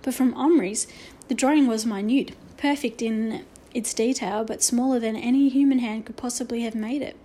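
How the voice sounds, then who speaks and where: A woman reads a children's story aloud, steady and expressive. Her voice sits a little high for a woman. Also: moderate pace. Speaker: audiobook narrator. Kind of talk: children's book reading.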